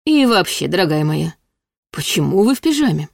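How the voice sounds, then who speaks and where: A smug, lewd male demon from a storybook who drawls his mockery in a mock-sweet tone, as a woman reads him in her own lowish voice. The sound is close and dry. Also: big pitch swings, normal speed, gravelly, no echo, heavily acted. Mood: teasing.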